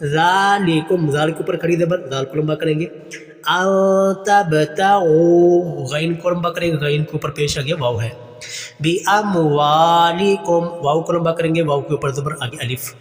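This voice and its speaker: A male Quran teacher with a fairly high voice leads a lesson. He stretches verses into slow chanted lines, then breaks them down in brisk, matter-of-fact explanation. His voice rings in a long hall reverb over faint music. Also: steady tone. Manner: slow chanted recitation alternating with quick explanations. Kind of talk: recitation lesson.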